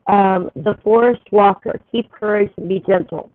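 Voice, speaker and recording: A woman hosting a livestream in loose, chatty talk and reading a tarot card aloud, her voice muffled with the bass missing. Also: normal speed, no echo. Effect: muffled sound with the bass missing. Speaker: astrology livestream host. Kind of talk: casual livestream chat, tarot card pull. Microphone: headphones with built-in mic. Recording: muffled, tinny phone-like stream audio.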